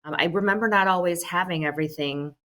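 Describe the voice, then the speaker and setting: Speaking quickly in a pushed, bright voice on the low side, a middle-aged American woman who runs a social services agency gives earnest, prepared telephone town hall remarks. She fills them with lots of "um"s.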